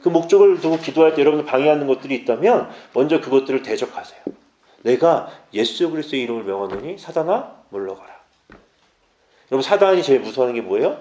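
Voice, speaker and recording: A man's voice: medium pitch, warm tone, reverberant, a little hiss or hum. A man preaching as a junior pastor, pleading with his listeners directly and mixing urgent exhortation with playful asides. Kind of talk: youth sermon. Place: church sanctuary.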